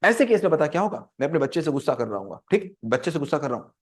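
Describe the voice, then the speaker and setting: A man with a high voice gives a teaching talk to his listeners. His pitch swings widely as he throws rhetorical questions at them and acts out little scenes from daily life. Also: sing-song, racing. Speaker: speaker on managing anger.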